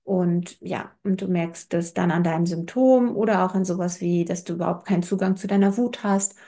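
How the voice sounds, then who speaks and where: An earnest woman talks through emotional healing, addressing the listener directly. Her voice is mellow and warm with a gravelly edge. She often acts out the inner thoughts she quotes. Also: fairly low pitch, steady tone, fairly quick. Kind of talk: reflective self-help talk.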